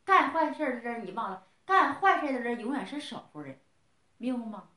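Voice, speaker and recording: A woman's voice: a little high, sing-song, fairly quick, sharp tone, roomy sound. A middle-aged woman scolding someone in a heated family argument, lecturing and firing off repeated questions.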